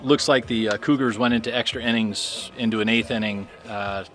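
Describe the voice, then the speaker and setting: A man's voice: on the low side, fairly even intonation, brisk, a bit bright, soft background music. Chatty man calling a baseball game. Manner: chatty, self-deprecating, jokes with co-host. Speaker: play-by-play announcer. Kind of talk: high school baseball commentary.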